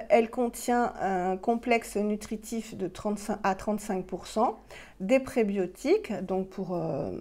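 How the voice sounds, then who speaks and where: A middle-aged woman with a warm, mellow voice talks through skincare products for her vlog. She is slightly out of breath and speaks in a chatty, unhurried way, full of little fillers and restarts. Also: medium pitch. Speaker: beauty vlogger. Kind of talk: casual product review. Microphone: plugged-in microphone.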